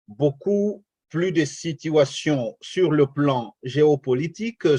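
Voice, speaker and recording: A man from eastern DR Congo, a guest in a radio interview, speaking slowly and deliberately with many hesitations. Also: medium pitch, a little mellow.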